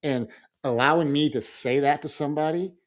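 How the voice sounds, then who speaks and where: A middle-aged man with a voice on the high side talks briskly as a podcast co-host. Chatting casually, he tells stories with animation and acts out what people said.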